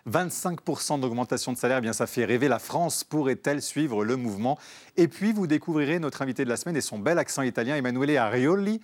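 A male host with a middle-pitched voice opens the show and greets his panel. He jokes with his guests as he goes. His delivery is easy and teasing. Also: animated, fast talker. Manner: playful, teasing banter with guests. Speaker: TV and radio host.

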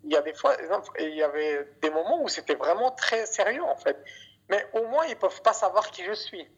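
Guest on a muffled Skype line: man from Afghanistan, husky and hesitant, testifying in a news report. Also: sits high, animated, fairly quick, a bit bright. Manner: hesitant, keeps adding "en fait". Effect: heard over a Skype call. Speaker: interview guest. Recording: muffled internet call audio.

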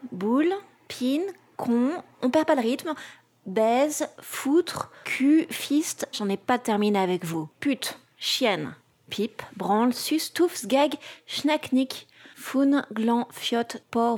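A woman's voice: fairly high pitch, expressive, slow pace. A woman from France hosting a podcast, reading a scripted, playful commentary in punchy rhythmic lists. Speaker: podcast host. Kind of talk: scripted comic narration.

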